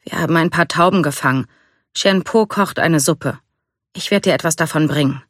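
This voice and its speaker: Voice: mid-range voice, normal speed, a bit bright, no room sound, clean studio sound, lightly acted. A reader voicing a blunt, combative young male soldier in a storybook read-aloud, speaking defiantly. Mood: gloomy.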